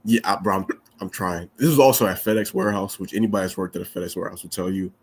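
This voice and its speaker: Deep husky man with the hiccups. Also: very fast. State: has the hiccups. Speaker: podcast co-host. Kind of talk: casual chat.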